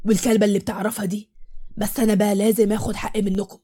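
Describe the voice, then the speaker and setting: A woman playing a wronged young husband in a storybook tale, talking with an Egyptian accent at a rapid clip. The voice is mellow and soft-edged, urgent and earnest rather than gruff. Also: mid-range voice, little pitch movement, close to an everyday voice. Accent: Egyptian Arabic. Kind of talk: storybook voice acting.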